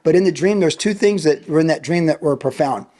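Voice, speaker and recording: A man's voice: on the high side, brisk, mellow. A man in his sixties, a former pro surfer and pastor, telling a vivid story as a podcast guest and repeating lines for emphasis. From United States. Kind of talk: animated storytelling in a podcast interview.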